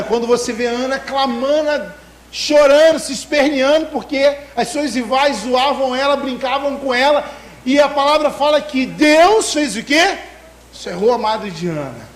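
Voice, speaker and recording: A man preaching a sermon in an emotive way, swinging between loud outbursts and hushed asides. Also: very high voice, roomy sound, rough recording.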